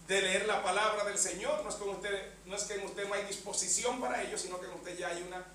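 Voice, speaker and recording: High-voiced preacher in an echoey church. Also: male voice, steady tone, fast, bright, forceful tone, slight background noise. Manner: punctuates phrases with amen and bendito sea el Señor. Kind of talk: sermon. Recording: echoey church hall, mic far off.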